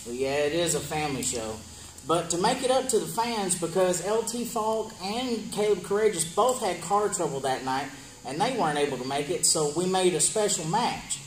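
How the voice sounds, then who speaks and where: Lively male wrestling promo interviewer, echoey. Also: high-pitched, moderate pace. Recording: echoey room with music behind.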